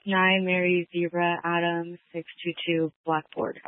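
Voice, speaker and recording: A police officer calling in a traffic stop over a walkie-talkie, in clipped, terse radio codes. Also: male voice, high-pitched, completely flat delivery, a little slow. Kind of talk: radio call to dispatch. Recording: tinny two-way radio.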